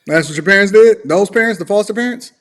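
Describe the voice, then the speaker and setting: A man's voice: high-pitched, fast, fairly bright tone. An American man hosting a call-in show, questioning his caller in a probing, persistent way and often cutting in.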